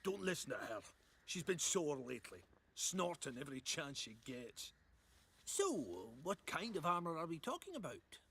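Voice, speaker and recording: An actor playing a sarcastic, boastful middle-aged blacksmith who laughs and teases in video game dialogue. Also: male voice, fairly high pitch, huge pitch swings, normal speed, fairly bright tone, a little hiss or hum, full character voice.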